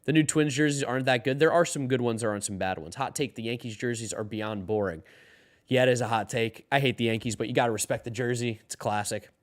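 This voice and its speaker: A man's voice: mid-range voice, quick pace. Tired man hosting a casual stream. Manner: loose and rambling, reads chat questions aloud. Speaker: host of a daily baseball stream. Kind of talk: casual live-stream chat.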